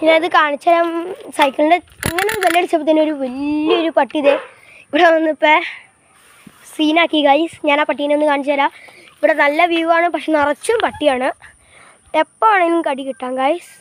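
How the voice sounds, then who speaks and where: A woman giving a casual walking-tour vlog outdoors by rural fields and a canal, filmed on an old phone while riding a bicycle. She talks haltingly, repeats herself and keeps saying "guys". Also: high voice, fairly even intonation. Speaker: vlogger. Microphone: old phone camera.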